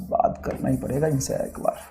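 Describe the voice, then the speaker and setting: A man teaching a physics lecture to students. He coaxes them fondly, asks questions and then answers them himself, and reads English question text slowly. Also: background noise. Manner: coaxing, calls students "beta".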